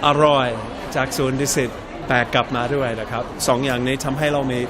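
A man answering interview questions casually, in a relaxed way with fillers. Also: medium pitch, brisk, music in the background. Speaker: interviewed guest.

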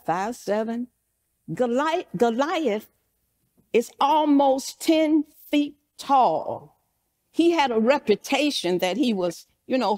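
A woman's voice: a little high, a little mellow. A woman pastor preaching a sermon, retelling scripture as a story and acting out the speakers' lines.

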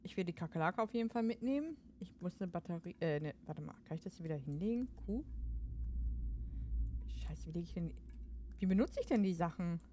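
Lively, excitable woman streamer. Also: on the low side, brisk, a little hiss or hum. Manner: excitable, laughs often, shouts game commands. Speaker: let's play streamer. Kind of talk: casual gameplay commentary.

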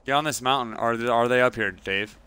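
A man's voice: mid-range voice, a little fast, bright, forceful tone. Young man gaming, noisy squad chat. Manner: clipped callouts in slangy gamer talk. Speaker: gamer playing in a squad. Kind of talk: casual squad voice chat during a shooter game. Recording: noisy game audio with gunfire. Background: video game gunfire and clicks.

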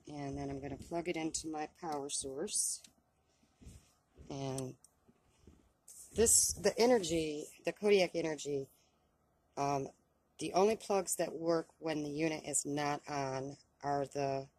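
Low-voiced woman vlogging from her van. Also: mellow. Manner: chatty, self-deprecating, with frequent ums. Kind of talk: casual how-to vlog. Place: inside a parked van. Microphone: camera on a tripod.

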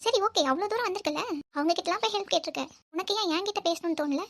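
A woman's voice: very high voice, rapid-fire, fairly bright tone. A woman voicing a hurt, angry young woman in a cartoon, reproachful and demanding. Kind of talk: cartoon voice acting.

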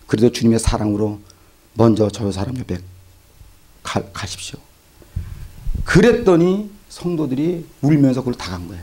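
A man preaching a revival sermon as pastor, swinging between loud exclamations and hushed asides. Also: mid-range voice, husky. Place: church sanctuary.

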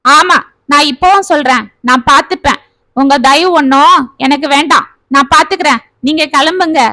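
Woman reading as a headstrong young mom, high voice, dry close sound, proud and quick to push back. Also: a bit bright, dry recording. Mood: defiant. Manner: defiant, anxious. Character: young mother, proud and stubborn.

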